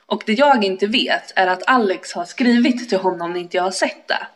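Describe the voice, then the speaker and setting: A young woman with a Swedish accent from around Kumla tells a story in casual chat. She acts out the lines of the people in it, swears freely and laughs often. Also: medium pitch. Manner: animated, swearing, laughing often, acting out quotes.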